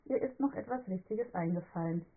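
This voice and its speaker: A woman narrating a children's story in an even, clear storytelling manner. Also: mid-range voice, brisk, narrow, tinny audio. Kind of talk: scripted children's story reading.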